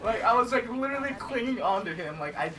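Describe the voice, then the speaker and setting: A young man in casual gaming chat, telling a story with animation and acting out his own panicked shouts. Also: very high voice, expressive, fast. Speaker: cast member telling a story. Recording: voice a little distant from the mic, faint hiss.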